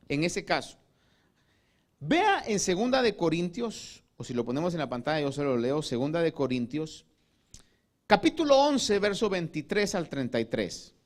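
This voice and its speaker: A man preaching a sermon as pastor. He often addresses his listeners as "hermano" and slows down to stress key words. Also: high voice.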